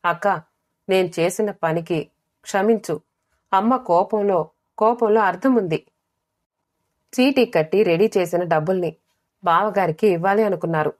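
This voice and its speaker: A woman's voice: medium pitch, moderate pace, long pauses, darkish tone, lightly acted. A woman voicing an earnest young younger sister explaining herself to her family.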